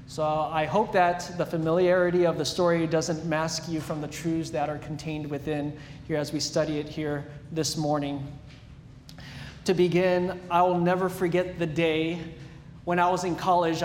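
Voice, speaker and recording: A man preaching a sermon and telling a personal story in an animated, self-deprecating way. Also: high-pitched, a little hiss or hum. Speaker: pastor. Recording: echoey hall with long reverb.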